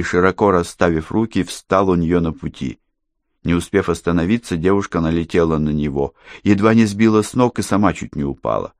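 A man narrating an audiobook in a steady, even storytelling voice. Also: sits low, dry recording, clean studio sound.

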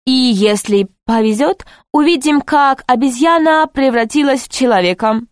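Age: adult. Figure: a woman reading a serious, measured man guiding a tour. Pitch: raised. Pace: slow. Room: dry. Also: smooth, dry recording, lightly acted. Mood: earnest. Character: serious adult man, a time-travel institute guide.

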